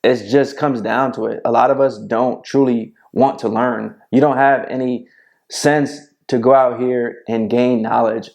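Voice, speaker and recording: A man's voice: mid-range voice, creaky, a little mellow. A man in his thirties giving a preachy, repetitive motivational talk straight to camera, calling the viewer "bro", recorded on a lapel mic in a small indoor room. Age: 30s. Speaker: men's self-help video host. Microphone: lapel mic clipped to shirt.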